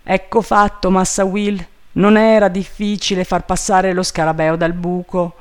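A man voicing an eager, simple-minded male servant calling down from a tree, in a high, drawling, plaintive voice. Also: little pitch movement, unhurried, clear, resonant tone.

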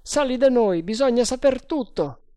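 A man voicing an excitable, loyal sergeant who speaks in loud, eager exclamations. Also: very high voice, a little slow, clear, resonant tone, no room sound, clean studio sound, pitched above the performer's own voice, exaggerated voice. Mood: calling out. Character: excitable loyal male sergeant, keen and blunt.

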